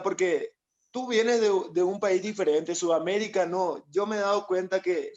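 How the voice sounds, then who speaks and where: Futbolista paraguayo, voz algo aguda, audio apagado. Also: male voice, sits high, a little mellow, muffled recording. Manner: rambling, quotes others, frequent "¿no?" tags. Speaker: footballer guest. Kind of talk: interview storytelling.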